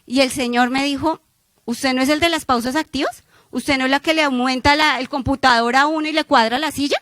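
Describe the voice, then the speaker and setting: High-voiced woman giving a talk. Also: fairly quick, no room sound. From Colombia. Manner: animated storyteller, acts out dialogues. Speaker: conference speaker. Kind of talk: conference talk with anecdotes.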